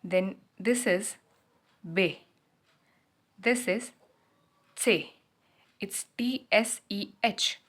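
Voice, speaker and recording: Unhurried woman sharing class notes. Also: medium pitch, steady tone, a bit bright. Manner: unhurried, switching Hindi and English, self-correcting. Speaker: German learner teaching her class notes. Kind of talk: casual lesson.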